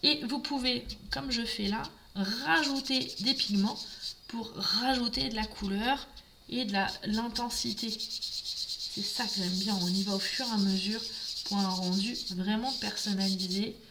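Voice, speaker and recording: A woman's voice: medium pitch, unhurried, very noisy. A woman giving a live craft demonstration, talking through each step and greeting viewers as she works.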